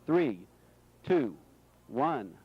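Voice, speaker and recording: A man's voice: mid-range voice, big pitch swings. Man announcing a launch countdown, dull radio sound. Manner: measured, official announcing. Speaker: launch commentator. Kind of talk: formal launch countdown commentary. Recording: dull, band-limited radio feed.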